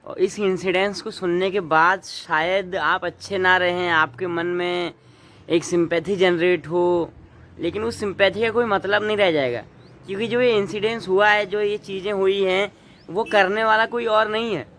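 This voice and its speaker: A man's voice: high-pitched, steady tone, moderate pace, fairly bright tone, slight background noise. A young man from Uttarakhand, India, giving earnest, indignant opinion commentary as a vlogger, asking the viewer pointed rhetorical questions.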